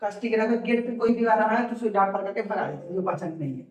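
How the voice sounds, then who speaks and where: A man's voice: high voice, expressive, fast, darkish tone, dull audio. A man teaching an exam-prep vocabulary lesson, drilling words by asking a question and answering it himself. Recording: echoey room, voice from far off.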